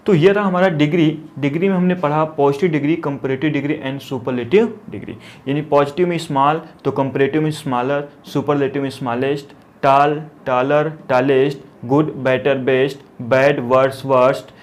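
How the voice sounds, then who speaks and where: A man teaching English grammar as a classroom lesson. He spells out each word slowly and keeps asking whether it is clear. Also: medium pitch, darkish tone. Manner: checks understanding often.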